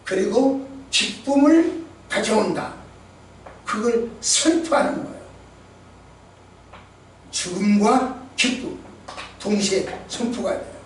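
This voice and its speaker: Emphatic high-voiced pastor preaching. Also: male voice, expressive, slow pace, long pauses, a little hiss or hum. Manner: emphatic, dramatic, acts out quotations. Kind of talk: sermon. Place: church sanctuary. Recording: echoey church hall, distant mic.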